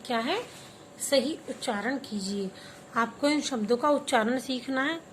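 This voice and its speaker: A primary school teacher with a fairly high voice leads a Hindi class for young children, patiently explaining what words mean and having the kids repeat them. She speaks unhurriedly, with background noise audible.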